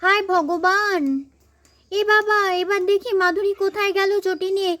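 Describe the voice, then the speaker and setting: A woman's voice: very high-pitched, steady tone, moderate pace, sharp tone. A woman voicing a busy young village mother who coaxes and calls out again and again. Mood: alarmed. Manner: coaxing, chatty, calls out repeatedly.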